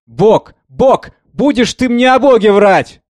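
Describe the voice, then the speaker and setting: A man's voice: normal speed, a little mellow, no echo, close to an everyday voice. A man voicing a bitter, broken young woman who cries out in anguish. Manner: shrill, crying out.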